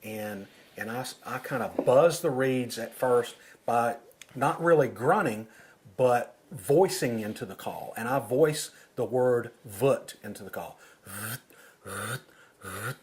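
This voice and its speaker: A man's voice: mid-range voice, animated, measured pace, darkish tone. A man working as an instructor, explaining technique informally, step by step and with examples. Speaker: duck-calling instructor.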